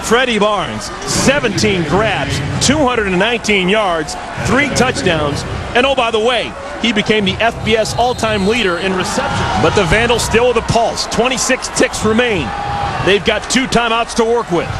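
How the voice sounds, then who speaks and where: Excitable man calling a football game. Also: sits high, normal speed. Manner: excitable, shouting at big plays. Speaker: play-by-play announcer. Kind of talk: live football commentary. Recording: broadcast with loud crowd and music. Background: loud stadium crowd.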